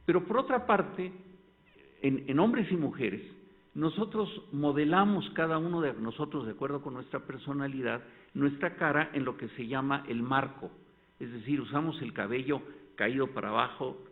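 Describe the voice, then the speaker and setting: A man with a Mexican accent giving an academic lecture at a medical colloquium, explaining points with an animated, demonstrative delivery. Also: mid-range voice, normal speed. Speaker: panel speaker at a medical colloquium. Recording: tinny phone-like lecture recording.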